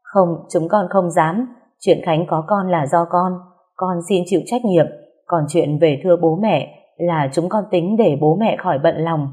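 A calm young man speaks earnestly and respectfully, steady and low, as a woman narrator voices him. He sounds composed even under pressure. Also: unhurried, close to an everyday voice.

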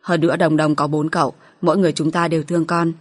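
A kind young uncle, put on by a woman reader, soft and soothing, his voice a touch lower than the narration. The tone is husky and hushed. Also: flat delivery, fast, no room sound.

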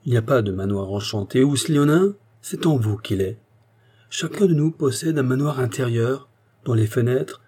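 A man's voice: medium pitch, warm tone, husky, natural voice. A man voicing an old male Dominican hermit priest with a solemn, fatherly preaching manner.

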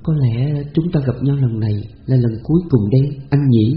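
A man's voice: mid-range voice, normal speed, pitched above the performer's own voice, lightly acted. A man voicing a tearful young village woman. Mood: sad. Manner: sobbing, pleading delivery. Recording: roomy, dull lo-fi recording with faint hiss.

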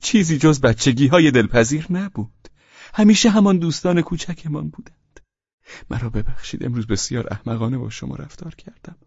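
A man voicing a fawning, anxious middle-aged man who has been drinking, pleading and stammering in a high-strung way. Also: animated, creaky, darkish tone, slightly rough, no echo. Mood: effusive. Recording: dull lo-fi recording.

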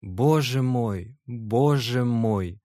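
A man voicing an excitable, effusive young male clerk in an audiobook, exclaiming emotionally. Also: mid-range voice, extremely slow, no room sound, clean studio sound, voice pushed up. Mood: excited.

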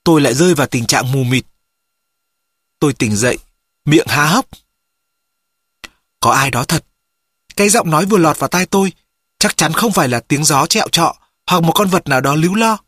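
A man narrating an audiobook in the first person, in a measured storytelling manner. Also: on the high side, animated, fairly bright tone, breathy edge, dry recording, studio quality.

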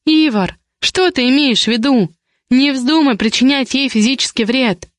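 A woman reading aloud as a feisty young heroine of a romance audiobook, her voice pitched well above the reader's own. She fires back sharp, indignant retorts. The sound is close and dry, with no room around it. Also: normal speed, no echo, close to an everyday voice. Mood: tense.

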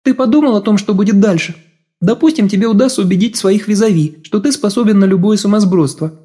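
A man putting on a sharp-tongued young woman, high and soft. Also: husky. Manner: quick, pointed, reproachful questions. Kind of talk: audiobook character voice.

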